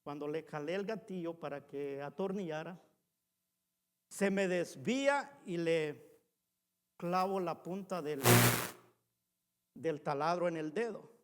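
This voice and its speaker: High-voiced male pastor in reverberant hall. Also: slow, long pauses. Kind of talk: sermon. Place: church sanctuary.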